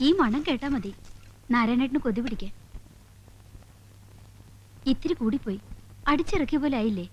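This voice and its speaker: A woman's voice: on the high side, expressive, moderate pace, slightly rough, poor audio. An actress playing a patient village wife who reasons with her husband in a coaxing, earnest way. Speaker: film character, a wife. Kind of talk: 1990s film drama acting.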